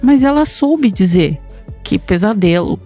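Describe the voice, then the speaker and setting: Brazilian woman, mother telling her own eerie story, halting and chatty, mid-pitched voice, faint music underneath. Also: expressive, dark tone. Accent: Brazilian Portuguese. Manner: halting, conversational, many fillers. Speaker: mother telling a personal account. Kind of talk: personal supernatural account.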